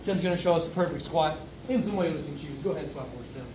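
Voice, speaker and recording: A man in his thirties, a coach, talks at a fairly high pitch and a racing pace as he walks the camera through squat form in an upbeat, instructive demonstration. He's in a large gym, picked up by the camera mic from across the room, so the sound is distant, echoey, and noisy.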